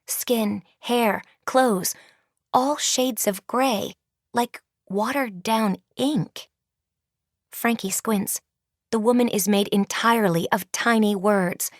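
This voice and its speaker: A woman narrating an audiobook in a slow, even storytelling manner. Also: fairly high pitch, no echo, clean studio sound. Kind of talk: scripted narration.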